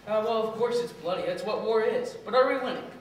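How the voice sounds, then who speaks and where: A man's voice: high voice, quick pace, lightly acted. A man playing a blustering, stingy, oblivious king in a comic stage play for children. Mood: dismissive, brisk. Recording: very echoey hall from far off, faint noise.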